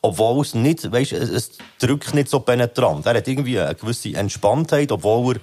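A man's voice: mid-range voice, animated, normal speed, a little mellow, soft background music. A man with a Swiss German accent in casual chat, giving thoughtful, hesitant song critique as he searches for words. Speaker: podcast co-host reviewing songs.

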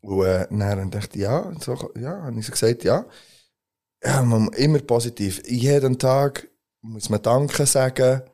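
A man with a Swiss German accent co-hosting a podcast, telling a story in a relaxed, laughing way. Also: mid-range voice, measured pace. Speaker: podcast co-host. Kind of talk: casual chat, storytelling.

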